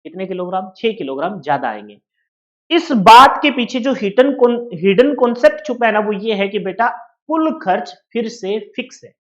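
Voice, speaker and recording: A man's voice: high-pitched, very animated, normal speed, fairly bright tone, dull audio. A man with a Haryanvi-tinged Hindi accent teaching an exam-prep maths lesson, explaining with everyday shop scenarios and asking his students questions.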